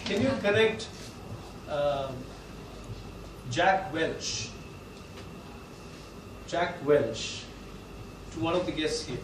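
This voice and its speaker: Echoey, higher-voiced South Indian male host. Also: lively intonation, very slow, long pauses. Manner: jokey, self-deprecating. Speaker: event host and quizmaster. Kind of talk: informal live stage hosting. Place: indoor event venue with live audience. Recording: echoey hall, distant, noisy.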